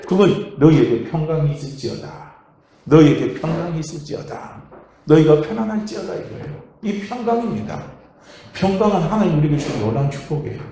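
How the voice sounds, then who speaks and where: Korean pastor, male, higher voice, lively sermon delivery, strong church echo. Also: a little hiss or hum. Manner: animated preaching, swings from quiet to loud outbursts. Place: church sanctuary. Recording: echoey church hall.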